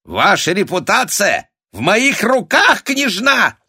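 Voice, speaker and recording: A man's voice: medium pitch, very animated, measured pace, fairly bright tone, no room sound, studio quality, pitched above the performer's own voice, full character voice. A man voicing a spiteful, scheming nobleman who grimaces and shrieks his threats. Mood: shrill threats.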